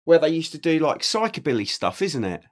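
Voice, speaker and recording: A man's voice: fairly high pitch, big pitch swings, brisk. A man with a North Suffolk English accent in casual podcast chat, speaking in a hesitant, unsure way. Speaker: podcast co-host.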